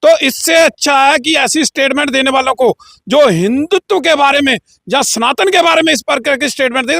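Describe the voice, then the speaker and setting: Appearing as an interview guest, a local group leader makes a heated, combative political statement peppered with filler phrases. His voice is extremely high and a bit bright, captured in a dry, clean studio recording.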